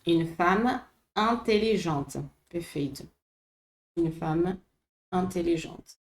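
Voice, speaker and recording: A woman with a Brazilian Portuguese accent teaching a vocabulary lesson, slowly repeating each word for her students. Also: fairly low pitch. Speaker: French teacher. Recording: echoey room.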